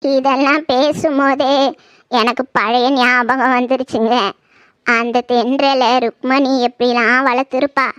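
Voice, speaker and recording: Lady doing a sad old granny for a cartoon, high voice, slow and mournful, dry mic. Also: fairly even intonation, a bit bright, smooth, no echo. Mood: grieving. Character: grieving old village grandmother. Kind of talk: cartoon voice acting.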